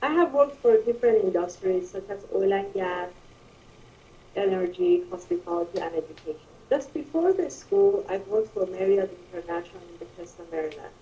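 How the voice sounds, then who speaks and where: Lively, mellow-voiced woman, lo-fi. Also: mid-range voice, moderate pace, slight background noise. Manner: lively sing-song rises. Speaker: MBA student career mentor. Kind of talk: self-introduction.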